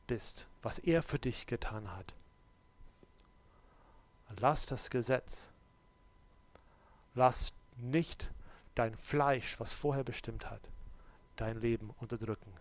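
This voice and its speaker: A man preaching a sermon, swinging between loud, urgent exhortation and quiet, close address, with direct questions to the listener. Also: mid-range voice, slow, pauses often, no room sound. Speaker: pastor.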